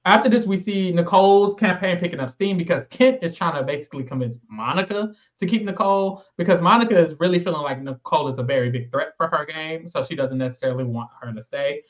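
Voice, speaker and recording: A man's voice: a little high, fast, few pauses, highs cut off. A man co-hosting a podcast, recapping in casual, slangy, dramatic storytelling chat. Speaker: podcast co-host.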